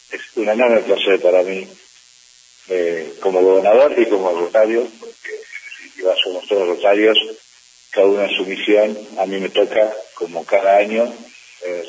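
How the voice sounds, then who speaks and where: A middle-aged man, a district governor of a service club, answering press questions in a measured way with frequent hesitations. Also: on the low side, darkish tone. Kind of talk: press interview. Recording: distant mic with faint hiss.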